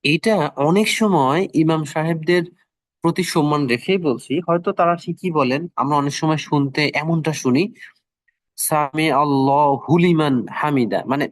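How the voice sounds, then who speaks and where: A middle-aged man teaching an online class, who speaks slowly and repeats words so the listeners can practise. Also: on the high side, no room sound, clean studio sound.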